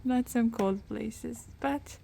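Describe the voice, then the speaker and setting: A woman with a fairly high voice films and comments in relaxed vlog style. She speaks at a slow pace, with a playful, teasing manner. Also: creaky, slight background noise. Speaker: vlogger filming and commenting. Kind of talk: casual vlog chat.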